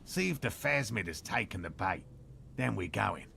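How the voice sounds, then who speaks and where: A man's voice: fairly low pitch, expressive, moderate pace, gravelly, pushed and bright, slight background noise, heavily acted. An actor playing an eager, self-conscious male cryptozoologist in a video game, talking in a stiff, prim way. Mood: earnest. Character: fussy, eager male cryptozoologist hunting a creature. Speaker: game character. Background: game music.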